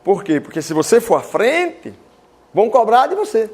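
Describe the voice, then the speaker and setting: A man's voice: high-pitched, moderate pace. A man giving a talk to students, telling stories and acting out the voices in them. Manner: animated storytelling with voiced quotes. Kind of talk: lecture to students.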